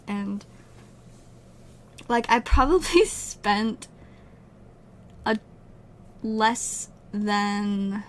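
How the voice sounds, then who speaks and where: A twenty-year-old streamer from Utah chats casually with livestream viewers in a fairly high voice, with a little hiss or hum in the audio. She rambles and giggles, using lots of fillers like "like," while her strained throat gives out and she loses her voice.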